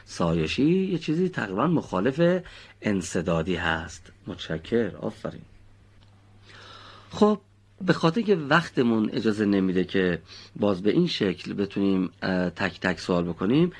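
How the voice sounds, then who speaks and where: Patient male teacher with a lively voice. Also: on the low side. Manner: patient, praising, precise explanations. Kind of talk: teaching Quran recitation pronunciation to children.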